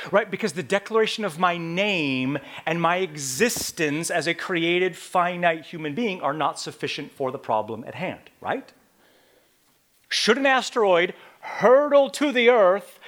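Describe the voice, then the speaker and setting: Dynamic male preacher, slow and emphatic. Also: fairly high pitch. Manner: dynamic preaching, swings from quiet to loud emphasis; rhetorical questions to the congregation. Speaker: pastor. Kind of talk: sermon.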